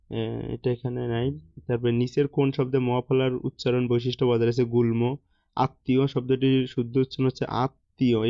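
A man with a Bangladeshi Bengali accent works through exam questions one by one, reading each question and then giving the answer with short examples. His voice stays flat and even in pitch. The recording is dry and a little dull, with no room sound. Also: dry recording. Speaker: teacher.

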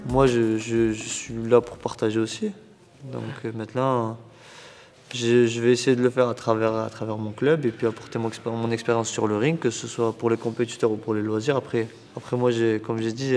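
A young man talks about boxing in a casual, halting way, repeating words when he gets excited. His voice carries a long reverb from a boxing gym hall. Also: medium pitch, slight background noise. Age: young adult. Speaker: boxer and club coach. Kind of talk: casual interview.

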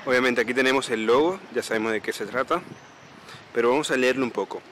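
On a dawn walk through deserted city streets, a male travel vlogger reads signs aloud, spelling them letter by letter in a casual manner and repeating himself a lot. He talks fast in a mid-range, somewhat bright voice over slight background noise.

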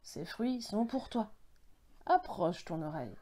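A woman doing a big hoarse baobab tree guy, gentle, drawls everything super slow. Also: medium pitch, very animated. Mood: kindly. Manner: slow and plaintive. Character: huge hot thirsty talking baobab tree, male, gentle.

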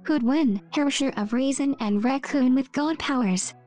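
Over background music, a female narrator voices a scripted meme video, reading captions and brief lines. She speaks in a high-pitched, slightly mellow voice at an unhurried pace.

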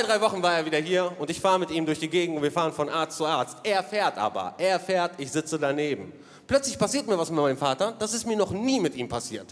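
High-voiced comedian man telling a story on stage. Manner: animated, bursts into shouting. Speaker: stand-up comedian. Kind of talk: stand-up storytelling. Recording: live stage with hall reverb and audience.

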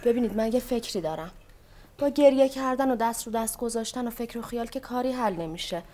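An actress playing a commanding relative who organizes the search, brisk and coaxing. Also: female voice, on the high side, animated, mellow, lightly acted. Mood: bossy. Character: take-charge, organizing family woman.

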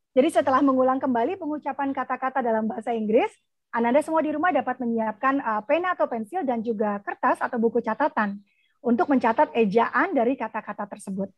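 Woman teacher, Indonesian accent, high voice, careful enunciation, dry dull radio sound. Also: dry recording. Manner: slow, careful enunciation for children to repeat. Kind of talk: bilingual reading lesson on radio.

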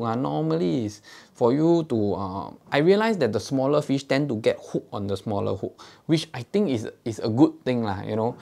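Talking with some vocal fry in a medium-pitched, slightly mellow voice, the fishing tackle shop channel host casually explains gear step by step to camera. He is in his thirties, has a Singaporean English accent, demonstrates with his hands, and checks in with "okay?", all recorded on a lapel mic in a small indoor studio.

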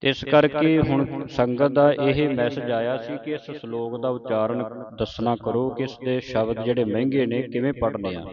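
A man teaching the pronunciation of scripture, reciting lines slowly in a chant and then explaining them, addressing listeners respectfully. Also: mid-range voice, fairly even intonation, dull audio, crowd noise. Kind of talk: slow recitation lesson.

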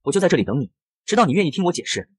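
A man's voice: on the high side, sing-song, rapid-fire, slightly rough, dry recording, clean studio sound. Man voicing a scheming rich young charmer. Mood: pleading. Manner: coaxing, pleading, softly persuasive.

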